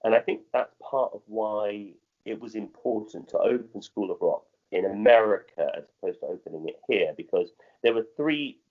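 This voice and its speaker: Answering an interviewer's questions, a middle-aged man with a modern British accent, a theatre director, speaks conversationally but haltingly, repeating and rephrasing himself often. His voice is fairly low-pitched and narrow, and the audio sounds tinny.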